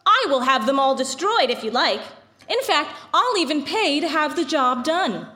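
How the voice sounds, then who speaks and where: A woman's voice: high voice, big pitch swings, moderate pace, pushed and bright, pitched above the performer's own voice, exaggerated voice. A woman voicing a proud, scheming male royal official in a told story. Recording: echoey hall.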